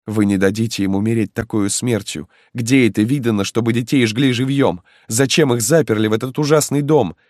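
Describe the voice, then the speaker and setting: Man doing a desperate peasant mother, high strained voice, wailing pleas, dry close sound. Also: steady tone, a little fast, few pauses, a little mellow, dry recording, close to an everyday voice. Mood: pleading. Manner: pleading, wailing cries for help.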